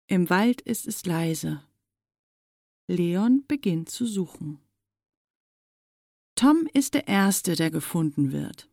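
A woman narrating a children's storybook in a measured, expressive way. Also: mid-range voice, no echo, studio quality.

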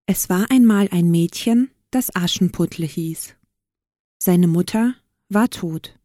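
A woman's voice: lowish voice, slow, dark tone, no echo, studio quality. A woman narrating a fairy tale aloud in simple, carefully phrased sentences for learners. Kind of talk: slow storybook reading for learners.

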